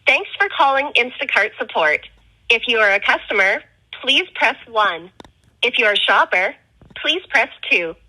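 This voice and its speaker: A woman's recorded automated phone menu message, reading scripted prompts in a slow, measured, evenly enunciated way. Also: on the high side, lively intonation, bright, forceful tone, slightly rough, poor audio.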